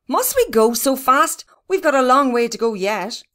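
A woman voicing an eager, bossy young boy who gives excited instructions. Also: normal speed. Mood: instructing. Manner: high, excited exclamations.

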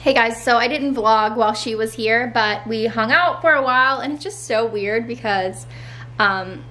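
A woman's voice: a little high, normal speed, sharp tone, slight background noise. A young woman, a stay-at-home mom, chatting casually to camera at home in a bubbly way, with lots of fillers. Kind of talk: casual vlog chat to camera. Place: family home.

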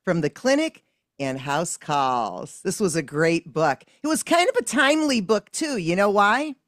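A woman's voice: fairly low pitch, big pitch swings, measured pace, no room sound, studio quality. A woman hosting an interview, chatting casually and telling her own pet anecdotes with fillers. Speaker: interview host.

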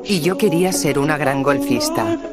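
A man's voice: fairly high pitch, big pitch swings, normal speed, loud music behind the voice, voice pushed up. A man playing a sad, hesitant, heartbroken teenage girl in an amateur horror fan story.

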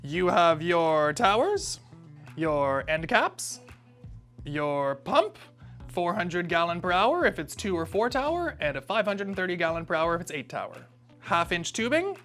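A man in his thirties with a high, pushed, bright voice walks through an installation step by step in a small indoor room. His instructional how-to narration is full of "uh" fillers.

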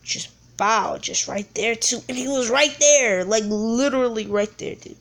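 A woman's voice: a little high, measured pace, fairly bright tone. A woman streaming a shooting game, giving slangy casual commentary broken up by gasps and squeals.

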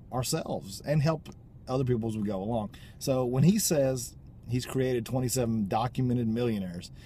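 Man in his forties, motivational vlog, mellow voice, car camera, faint rumble. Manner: upbeat, pep-talk delivery with frequent fillers. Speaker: vlogger. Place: inside a parked car. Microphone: camera mounted on the dashboard.

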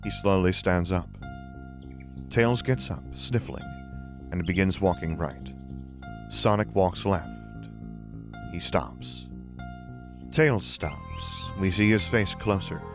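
A man narrating the scene directions of an audio drama in a plain, measured reading. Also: low voice, over music. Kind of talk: scripted narration of stage directions.

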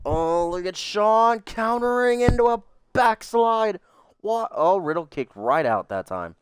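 A man calling play-by-play like a wrestling commentator, with dramatic, excitable calls and casual asides. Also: sits high, a little slow, clear, resonant tone, dry recording, studio quality. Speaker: video game player commentating on a wrestling match.

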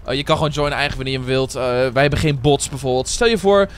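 A Dutch man in his twenties, a streamer and server owner, chats casually with viewers during a live stream while playing a game, calling them guys and bro. His medium-pitched voice moves fast, with a little hiss or hum in the recording.

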